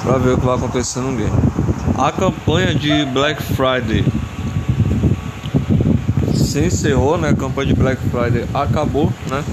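A man's voice: a little slow, long pauses, very noisy. An eighteen-year-old man with a Brazilian accent, casually commenting over a mobile football game, repeating himself and tagging phrases with questions. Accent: Brazilian Portuguese. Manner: repetitive, chatty, tag questions after every phrase; bursts into high excited shouting at plays. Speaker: gaming channel host.

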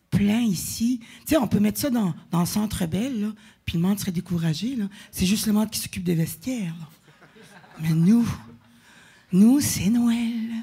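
Acadian woman singer, raspy gravelly voice, talking to a concert crowd in a loose, rambling way. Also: mid-range voice. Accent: Acadian French. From Acadia, eastern Canada. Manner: chatty, warm-hearted, rambling with fillers and self-corrections. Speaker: singer presenting her album. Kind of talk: casual stage banter with a live audience. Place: concert venue stage.

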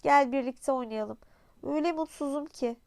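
A woman's voice: sits high, normal speed, no room sound. The Little Prince, a woman voicing a wondering boy. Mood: polite. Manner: polite, wondering, soft-spoken. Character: small gentle boy prince, curious and lonely. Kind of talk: audiobook character voice.

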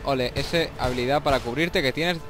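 A young man with a Spain Spanish accent giving excitable, swear-filled commentary over a shooter game and taunting the enemies. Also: medium pitch, brisk. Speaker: gameplay commentator. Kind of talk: let's play commentary. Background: faint game music and gunfire.

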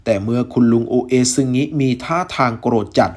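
A man reading a novel aloud as a storyteller, in a steady, measured way. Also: mid-range voice.

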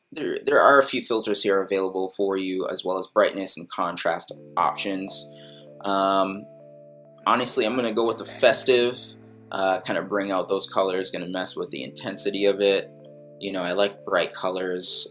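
Here a male music producer from Barbados, his voice sitting low, guides listeners through a screen-recorded design tutorial in a relaxed way. He says um a lot and keeps restarting his sentences.

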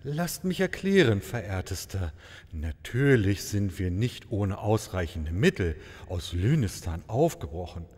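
A man plays a courteous, dignified travelling maharaja in a fairy-tale audio comedy, using formal, flowery euphemisms with a delicate, embarrassed air. His exaggerated voice is fairly low, darkish, and slightly rough, a little slow, with big swings in pitch. The recording carries a long, reverberant hall sound.

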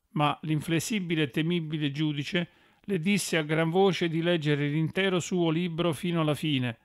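A man narrating a religious audiobook in a measured, solemn way. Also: on the high side, smooth, no room sound, clean studio sound.

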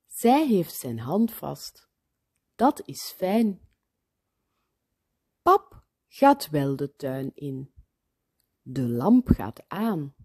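Woman storyteller for kids, very slow read-aloud, lively up-and-down delivery, dips into whispers. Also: deep voice, breathy edge. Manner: very slow, expressive, drops to whispers.

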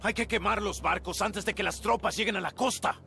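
An actor playing a proud, vengeful young warrior prince in a video game, commanding and dramatic. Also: male voice, high voice, fairly quick, vocal fry, sharp tone, a little hiss or hum, full character voice. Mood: furious commanding. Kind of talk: video game cutscene acting.

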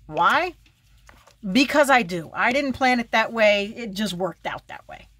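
A woman's voice: a little high, expressive, a little slow, fairly bright tone, slight background noise. A woman chatting casually through her makeup routine at home, full of wry remarks and muttered asides to herself. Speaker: beauty vlogger. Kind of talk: casual get-ready-with-me chat. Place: at home, seated while doing makeup.

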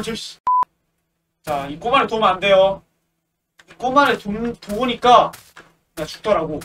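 A high-voiced gaming streamer plays a horror game, chatting easily and teasing the characters in his let's play commentary. He's jumpy, yelping and shouting at every scare. The mic sits far off, and background noise is clearly audible.

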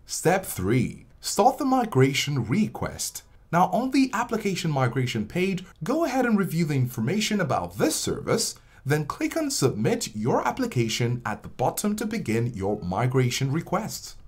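A narrator reading a scripted, step-by-step software tutorial as a voice-over, walking through each stage in order. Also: medium pitch, moderate pace, hardly any pauses, breathy edge. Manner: steady step-by-step instructional delivery.

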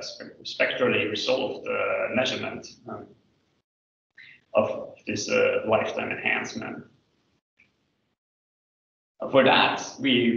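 Male PhD candidate, halting and hedging thesis-defense delivery, bright forceful tone, dull distant video-call sound. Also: lowish voice, creaky, heavy reverb, slight background noise. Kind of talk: academic slide presentation, explanatory. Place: indoor room, online video call.

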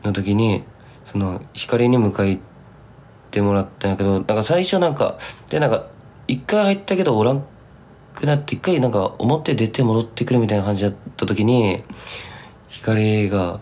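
A man's voice: on the low side, normal speed, darkish tone. Chatty young man with Kumamoto dialect. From Kumamoto, Japan. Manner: chatty, rambling, drops into thick local dialect. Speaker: singer-songwriter streaming live. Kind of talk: casual live-stream chat to fans.

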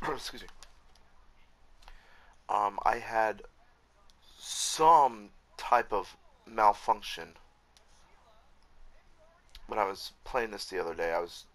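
A man's voice: fairly low pitch, slow, pauses often, bright, forceful tone, a little hiss or hum. A man giving casual, frustrated commentary while rebuilding a game map, swearing often and correcting himself as he goes. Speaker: Minecraft YouTuber.

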